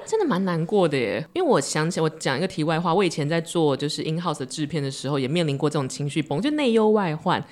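A woman with a Taiwanese Mandarin accent hosting a casual chat, expressive and chatty. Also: low-pitched, a little hiss or hum. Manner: chatty, expressive, quick reactions. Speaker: podcast host.

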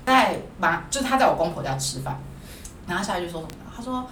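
A woman's voice: on the low side, fast talker, reverberant, recorded from a distance, slight background noise. A woman chatting casually as a podcast host, telling a story animatedly and acting out another person's lines. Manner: animated storytelling, acts out her husband's lines. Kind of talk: casual chat.

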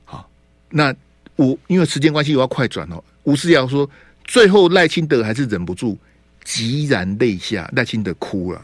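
A man's voice: mid-range voice, lively intonation, normal speed, no room sound. A man hosting a radio talk show, ranting about politics with mocking rhetorical questions. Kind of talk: opinionated political commentary.

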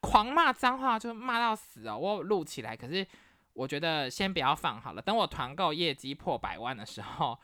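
A woman's voice: low voice, fairly quick, no room sound, clean studio sound. A woman from Taiwan hosting a podcast, chatting casually through family stories and acting out each person's quoted voice. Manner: chatty, animated storytelling that acts out the quoted voices of family members. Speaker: podcast host. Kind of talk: casual storytelling monologue.

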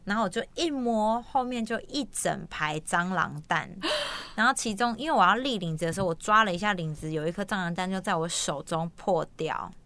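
A young woman, hosting and telling a story in a lively, animated way, acting out the voices of people she quotes. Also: medium pitch, brisk, few pauses. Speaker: host. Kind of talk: casual storytelling chat.

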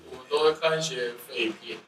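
A man's voice: medium pitch, steady tone, fairly quick, fairly bright tone, recorded from a distance. A man with a Taiwanese Mandarin accent telling casual anecdotes among friends. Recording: roomy echo, off-mic, noisy.

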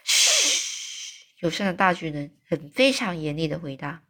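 A woman telling a children's story aloud in a chatty way, padding lines with soft filler particles. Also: low-pitched, expressive, brisk.

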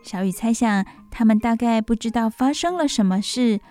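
Radio lady reading a kids' bedtime story, highish expressive voice, soft music behind. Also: normal speed. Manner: warm, expressive storyteller with asides to listeners. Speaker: radio show host. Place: radio studio.

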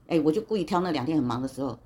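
A woman in her sixties tells a long story in a casual interview, talkative and indignant, quoting what people said and often restarting sentences. Her voice is low-pitched and dark, with lively intonation and a racing pace.

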